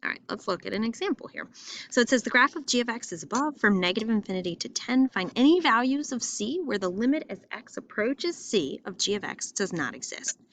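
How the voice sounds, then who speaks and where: A woman teaching a math lesson in a school, talking in a lively, emphatic way and repeating phrases for stress. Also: medium pitch, a little hiss or hum. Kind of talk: classroom lesson walking through graphs. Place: school classroom or building with loudspeaker.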